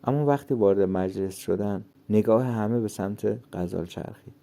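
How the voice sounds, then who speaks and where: A man reading a story aloud in a steady narrating manner, with a gravelly voice. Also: on the low side. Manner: steady storytelling, lightly voicing the characters.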